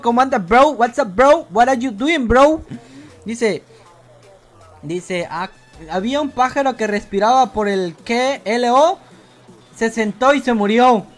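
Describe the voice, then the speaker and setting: A woman from Guatemala with a Guatemalan Spanish accent, hosting a livestream and reading viewers' jokes aloud in a playful, teasing way, always calling people "bro". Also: a little high. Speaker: livestream host.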